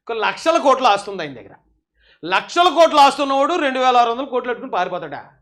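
A man with a very high voice delivers heated political commentary. He mocks and scolds his targets with biting sarcasm, taunting them over and over. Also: sing-song, fast, fairly bright tone.

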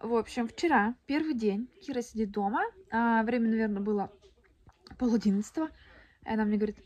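Speaking fairly quickly in a higher-leaning voice with a darkish tone, a young woman rambles through a casual home vlog. She's a mother, recording indoors in a room at home on a phone at arm's length, with many fillers and restarts.

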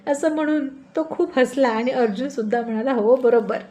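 A woman's voice: high-pitched, brisk, warm tone. A woman narrating a scripted family story, voicing each family member in turn.

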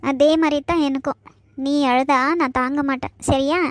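A woman voicing a kind older sister in a cartoon, gentle and reassuring. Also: high-pitched, steady tone, moderate pace, dry recording, clean studio sound, lightly acted.

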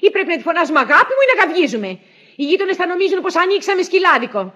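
An actress playing a sharp-tongued young wife in a radio play, quick and mocking as she quarrels. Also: extremely high pitch, lively intonation, lo-fi sound. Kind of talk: 1950s radio play acting.

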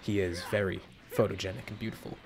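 A young man hosting a mobile game summoning video, talking casually to viewers and yelping with excitement between low muttered comments. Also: quick pace, gravelly. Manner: excitable, jumps into high yelps when hyped, muttering between pulls. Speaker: gaming video host. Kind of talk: casual gacha summon reaction.

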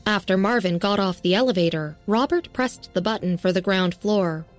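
A woman narrating a serialized audio story in a steady, even reading. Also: mid-range voice, normal speed, soft background music.

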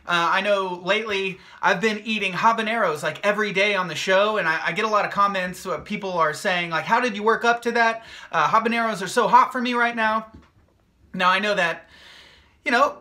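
A young man who makes hot sauce and hosts videos chats directly to his viewers in a loose, joking vlog. His high-pitched voice has a bright, forward edge. He rambles cheerfully and upbeat, peppering his talk with "uh" and "like."

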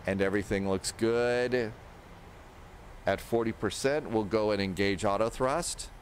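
Older man, lowish voice, cockpit noise. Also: a little slow. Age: older, 60s. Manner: talks himself through steps aloud. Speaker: flight simulator streamer. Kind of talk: casual instructional commentary while flying a simulator. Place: indoor home streaming setup. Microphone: close desk microphone. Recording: steady aircraft engine noise behind. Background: simulated aircraft cockpit and engine noise.

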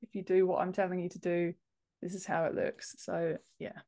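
A woman in her thirties speaks in a lowish, dark-toned voice at normal speed with little pitch movement. She's a book formatter appearing as a podcast guest, giving explanatory answers on a video call from her home office indoors, using wired earphones.

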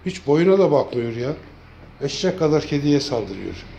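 A man talking casually to his cats, calling them over and over in a coaxing way and now and then gently scolding them. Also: fairly high pitch, big pitch swings, moderate pace, gravelly. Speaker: cat feeder. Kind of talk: casual talk to pets.

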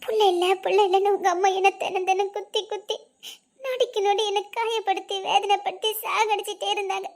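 A woman's voice: extremely high pitch, moderate pace, vocal fry, pauses often. A woman voicing a wounded young wife who speaks in a tearful, bitter, accusing way in a spoken drama. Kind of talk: Tamil audio drama acting.

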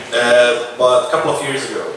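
A man addresses a conference from a podium, pausing often with fillers as he talks. He sounds far from the microphone in a very echoey hall, with clear background noise. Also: medium pitch. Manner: hesitant, many uh fillers. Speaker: sponsor speaker. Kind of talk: conference talk. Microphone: podium mic, heard from afar. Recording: echoey hall, distant, noisy.

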